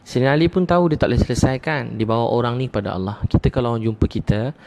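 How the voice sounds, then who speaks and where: A man's voice: mid-range voice, animated, racing, a little mellow. Man preaching with rhetorical questions. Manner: repetitive, rhetorical questions, frequent "ha" interjections. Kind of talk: sermon.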